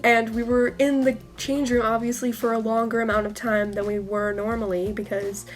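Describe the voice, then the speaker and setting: A woman's voice: fairly high pitch, little pitch movement, normal speed. A young woman vlogger telling a casual storytime, chatty and full of fillers. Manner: chatty, many fillers, laughs while telling.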